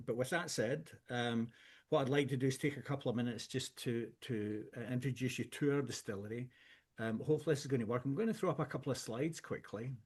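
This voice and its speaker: A man with a broad Scottish accent presenting to an online audience as a distillery owner, in a hesitant, halting way. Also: medium pitch, darkish tone. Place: speaking into a microphone on an online call.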